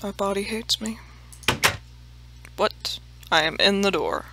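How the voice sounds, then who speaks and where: Speaking slowly in a medium-pitched voice, a woman hosts a let's play, chatting casually, making fun of herself, and swearing freely. She sometimes drops into murmured, half-whispered asides, and heavy background noise fills the clip.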